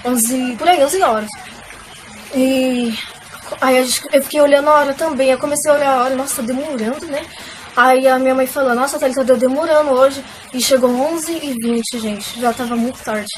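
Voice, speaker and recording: A woman's voice: high-pitched, moderate pace, slight background noise, poor audio. A young woman, emotionally telling viewers a personal faith testimony in a casual, filler-filled way. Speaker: vlogger.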